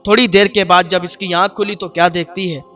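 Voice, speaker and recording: High-voiced man telling a dramatic sermon story. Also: level tone, pushed and bright, soft background music. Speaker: preacher.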